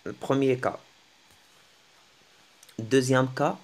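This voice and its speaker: A man giving a casual lesson in French on English grammar, hesitant, with many fillers and restarts, repeating words slowly for practice. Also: medium pitch, fairly even intonation. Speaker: English teacher.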